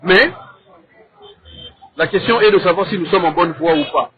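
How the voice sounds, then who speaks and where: A man with a Congolese accent and a high voice debates in a measured, didactic way. He speaks in short, deliberate phrases and poses rhetorical questions. The recording sounds thin and narrow, like a phone line.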